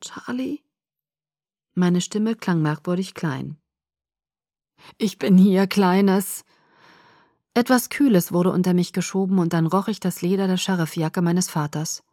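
Soft-spoken woman reading a novel. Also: lowish voice, normal speed, hardly any pauses, no room sound, studio quality. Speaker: audiobook narrator. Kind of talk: first-person novel narration.

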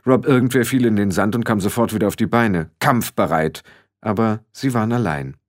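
A man reading a story aloud as an audiobook narrator, in an expressive storytelling manner. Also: on the low side, brisk. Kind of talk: scripted narration.

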